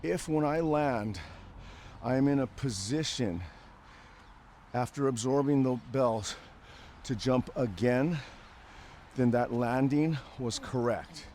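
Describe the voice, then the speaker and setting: An older man speaks slowly and calmly, explaining a workout while he demonstrates it. He thinks aloud in short, unhurried phrases between movements. A faint background noise sits under his voice. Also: medium pitch. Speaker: fitness coach.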